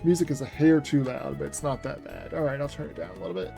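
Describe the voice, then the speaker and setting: A man's voice: medium pitch, animated, fast, vocal fry, mellow. A man streaming a video game, chatting casually with viewers over a headset. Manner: chatty, talks to chat while playing. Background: game music.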